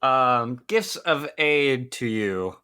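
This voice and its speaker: A man playing a flustered young nobleman who tries to sound grand and formal, but keeps getting exasperated with his servant. The voice is mid-pitched and bright, with some edge to it. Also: expressive, drawn-out words, clean tone, exaggerated voice.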